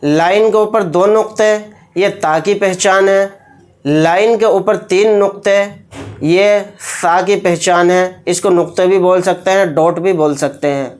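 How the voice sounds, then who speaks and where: A Quran reading teacher giving a beginner alphabet lesson, stretching out each letter name slowly and clearly, then explaining it in a calm, patient way. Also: mid-range voice.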